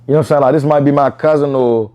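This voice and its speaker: A man's voice: medium pitch, fairly even intonation, quick pace, warm tone, clear, resonant tone, dull audio. A man speaking candidly in an interview about his own life, in casual, profane street slang peppered with "bro" and "you know what I'm saying". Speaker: interview guest.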